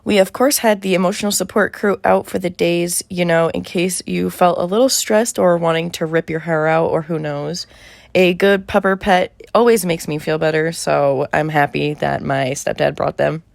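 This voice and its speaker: A woman's voice: lowish voice, fairly even intonation, moderate pace, gravelly, no room sound. A woman in her early twenties narrating a casual vlog voiceover in a conversational, wry way, close to the mic. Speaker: vlogger.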